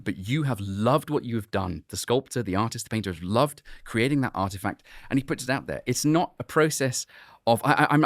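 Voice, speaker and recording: Brief: male sculptor on a panel, low voice, emphatic, dry close mic. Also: no room sound. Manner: emphatic and pushing back, conversational. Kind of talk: panel debate.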